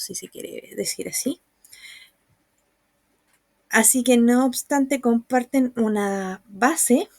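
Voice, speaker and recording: A woman's voice: a little high, darkish tone, dry recording. A woman, patiently explaining sounds and writing in a recorded online lesson. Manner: slow, patient explaining with examples. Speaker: Mandarin teacher.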